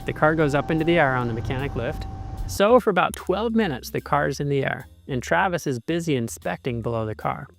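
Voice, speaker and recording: Creaky higher-pitched man narrating over music. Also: expressive, a little fast. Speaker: video host and narrator. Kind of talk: consumer investigation voice-over.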